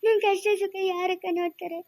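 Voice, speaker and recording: A woman's voice: sits high, level tone, racing, no echo, studio quality. A woman playing a grieving young village woman who has lost her family, pleading and sobbing in a family moral drama.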